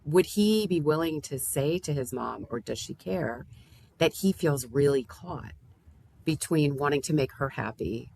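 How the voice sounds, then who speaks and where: A woman speaking as a calm therapist, thoughtfully and in a validating way, in a reflective discussion. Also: deep voice, measured pace, creaky. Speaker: therapist, podcast guest.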